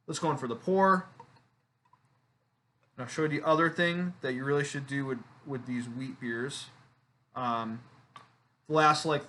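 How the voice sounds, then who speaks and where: A man's voice: a little high, sharp tone. A man hosting his own beer review channel, chatting casually to the camera with fillers and self-deprecating asides.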